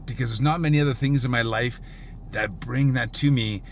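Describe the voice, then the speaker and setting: Earnest gravelly man, awed and reflective. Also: medium pitch, a little fast, a little hiss or hum. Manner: earnest, awed, emphatic with repetition. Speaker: storm chaser. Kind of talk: reflective personal storytelling.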